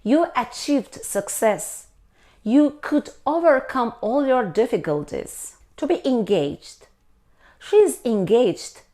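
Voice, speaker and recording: A woman teaching English, reading short example sentences in a careful, deliberate way. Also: fairly high pitch, sing-song, dark tone. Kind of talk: slow scripted lesson reading example sentences.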